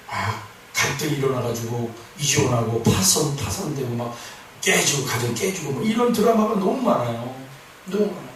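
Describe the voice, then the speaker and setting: A man pastor preaching a sermon, swinging between loud impassioned passages and soft quiet asides. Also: medium pitch, a little hiss or hum. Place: church sanctuary. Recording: echoey church from far off.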